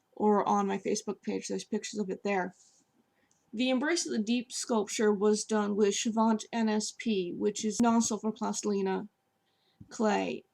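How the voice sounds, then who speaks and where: Sitting at a table by the sofa in her home, a sculptor reviews clay in a casual demonstration, chatting and using fillers as she works with her hands. Her voice, medium in pitch and darkish, is scratchy and gravelly, hoarse to the point of being partly gone.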